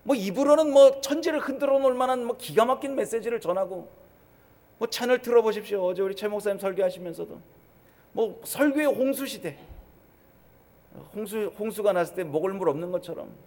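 A man preaching a sermon as pastor, swinging from loud exhortation to hushed, quiet asides. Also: sits high, a little fast. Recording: church hall reverb.

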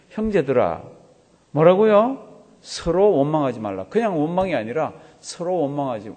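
A man's voice: on the high side, a little mellow, slightly rough. A man preaching a sermon as a pastor, telling a story and acting out the voices of the people in it. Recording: long hall reverb.

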